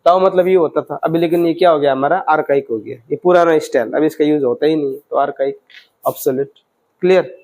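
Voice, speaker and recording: A man teaching English vocabulary, often quizzing his students and reading English phrases out slowly. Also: a little high, darkish tone, rough recording. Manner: quizzing, repeats questions to students; mixes English phrases into explanations, reads them slowly. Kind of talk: vocabulary lesson.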